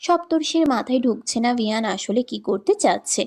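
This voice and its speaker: A woman's voice: fairly high pitch, lively intonation, moderate pace, darkish tone. Woman narrating a romance story.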